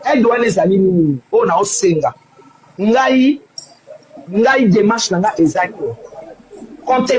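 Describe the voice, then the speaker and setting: A man's voice: sits high, low-quality recording. A male host on a live stream who keeps interjecting and talking over his guest in French and Lingala.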